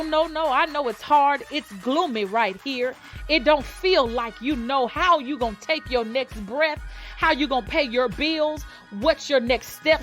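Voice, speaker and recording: A woman's voice: sits high, a bit bright. A woman gospel radio host leading a fervent live prayer, repeating lines in a preacher-like call and response.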